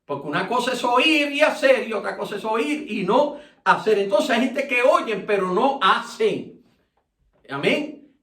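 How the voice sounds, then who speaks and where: A man's voice: very high-pitched, animated, unhurried, pushed and bright. A man teaching a Bible study as a pastor, dropping "amén" after nearly every phrase and drawing out key words. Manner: repeats "amén" constantly, stretches key words. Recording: echoey room, distant from mic.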